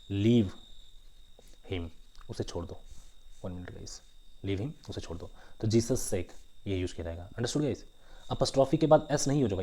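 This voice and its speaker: A man's voice: on the low side, mellow. A male grammar teacher giving an online exam-prep lesson in a mix of Hindi and English, often stopping to ask his students whether they understood. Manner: explains in Hindi mixed with English, keeps asking "understood?". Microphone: writing with a pen tablet while teaching.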